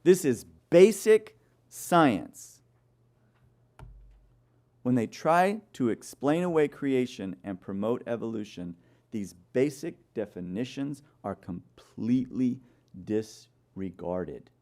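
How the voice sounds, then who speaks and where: A man's voice: medium pitch, lively intonation, takes it slowly, a little mellow. A man giving a sermon-style Bible study lecture, telling stories and throwing rhetorical questions at his listeners. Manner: storytelling with rhetorical questions to the audience; frequent "okay?" checks with listeners.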